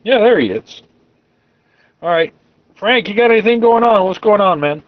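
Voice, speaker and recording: A man's voice: high voice, normal speed, phone-quality sound, noisy background. Man running a ham radio net over the air. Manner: relaxed, joking, loose running commentary. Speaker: net control operator of an amateur radio club net. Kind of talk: directed ham radio net, casual chat.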